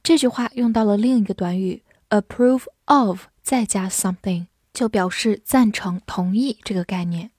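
A woman whose first language is Chinese teaches English vocabulary, patiently spelling words letter by letter and reading example sentences slowly. Her voice is medium-pitched with a darkish tone, captured in a dry, clean studio recording.

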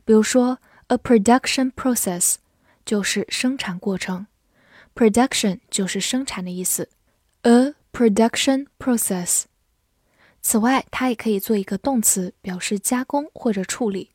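A woman teaching English vocabulary in a scripted lesson, spelling words letter by letter and reading example sentences slowly. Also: medium pitch, a little mellow, husky, no room sound, clean studio sound.

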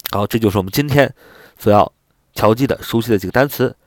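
Low-voiced man teaching vocabulary. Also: no echo. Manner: spells words out letter by letter, repeating slowly; explanatory, steady classroom tone. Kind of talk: recorded vocabulary lesson.

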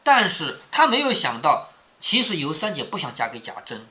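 A man's voice: on the high side, huge pitch swings, normal speed, bright, forceful tone. A man reading a classic novel aloud to his daughter, stopping often to explain it in a chatty way with frequent tag questions.

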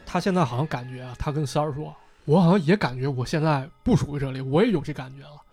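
A man's voice: fairly high pitch, quick pace, a little mellow, soft background music. A man hosting a podcast, casually retelling a story and voicing the characters' lines as he goes. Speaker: podcast host.

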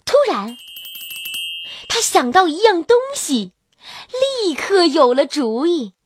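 A woman storyteller reading a children's storybook in an animated, sing-song, expressive way. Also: high voice, takes it slowly, dry recording, studio quality.

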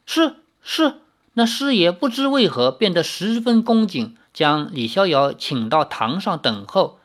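An expressive reader telling a martial-arts novel with lively, swinging intonation. The narration moves up and down freely in pitch, in a storytelling manner. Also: unhurried. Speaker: audiobook reader.

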